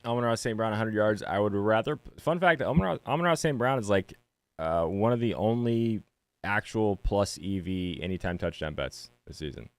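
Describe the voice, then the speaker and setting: A low-voiced, giggly man in a dry studio. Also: lively intonation, no room sound. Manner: laid-back, giggly, halting delivery. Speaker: sports betting podcast co-host. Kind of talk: casual podcast talk about bets.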